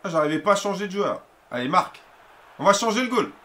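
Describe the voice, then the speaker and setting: A man doing loud, excitable live commentary on a football video game, with frequent outbursts and swearing. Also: sits high, racing. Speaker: gaming streamer. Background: music playing.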